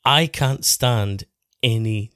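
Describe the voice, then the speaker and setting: A man's voice: medium pitch, slow pace, fairly bright tone, smooth, no room sound. Male podcast host. Informal, chatty and bantering, recorded dry. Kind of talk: casual chat about car detailing.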